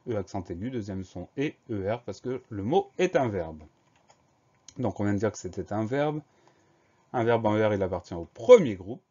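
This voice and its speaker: A man's voice: lowish voice, dark tone, dull audio. A man teaching a dictation lesson, patiently spelling words letter by letter and explaining grammar.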